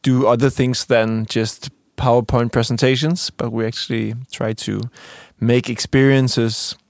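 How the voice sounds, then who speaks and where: A man's voice: medium pitch, level tone, a little slow, dry recording, clean studio sound. A man in his twenties from Denmark, co-hosting a podcast in casual chat, hesitant with many fillers and restarts. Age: 20s. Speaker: podcast co-host.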